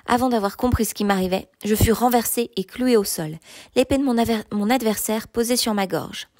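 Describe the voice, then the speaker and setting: A woman narrating a novel in the first person, with steady, measured storytelling. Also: mid-range voice, no room sound, studio quality. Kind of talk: audiobook reading of a novel.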